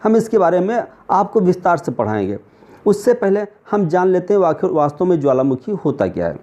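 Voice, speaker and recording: Mellow-voiced Hindi-accented male teacher. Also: sits high, big pitch swings, a little fast. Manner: asks questions and answers them himself. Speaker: exam coaching teacher. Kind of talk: explanatory lesson over diagrams. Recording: muffled lo-fi recording.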